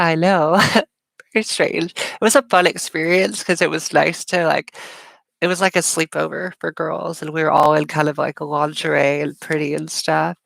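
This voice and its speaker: A woman's voice: deep voice, creaky, fairly bright tone, dry recording. A woman hosting a casual live Q&A stream, talking chattily with frequent fillers, smiling as she speaks, with strongly sibilant S sounds. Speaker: livestream host.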